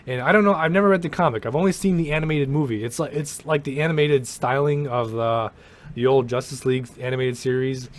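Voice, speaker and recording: A man's voice: mid-range voice, fairly even intonation, a little fast. A young man giving a casual, rambling rant about a movie, with swearing and lots of restarts. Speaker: movie commentator. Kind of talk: casual ranting movie commentary.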